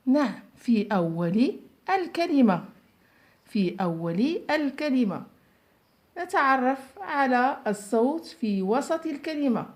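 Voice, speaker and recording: A woman teaching young children to read, stretching out each word slowly and praising them often. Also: fairly high pitch, a little mellow. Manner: slow, drawn-out word modelling with frequent praise. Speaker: primary school teacher. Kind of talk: phonics lesson for young children.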